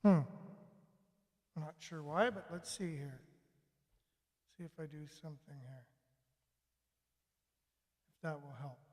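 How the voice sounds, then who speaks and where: A man's voice: on the high side, unhurried, pauses often, a little mellow. Man talking through an echoey pipe. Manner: chatty, greets viewers by name. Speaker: livestream show host. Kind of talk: casual livestream chat. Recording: echoing mic with long reverb.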